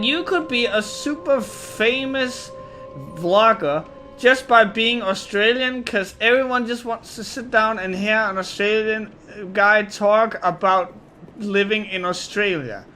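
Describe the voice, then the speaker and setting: A man's voice: sits high, slow pace, bright, forceful tone, faint music behind. A man casually commenting on a video game as he plays, rambling, swearing and joking. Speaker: let's play host.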